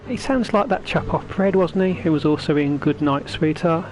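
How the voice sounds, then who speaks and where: A man's voice: a little high, normal speed, a little mellow, soft background music, rough recording. A man giving casual, chatty gameplay commentary in an offhand way.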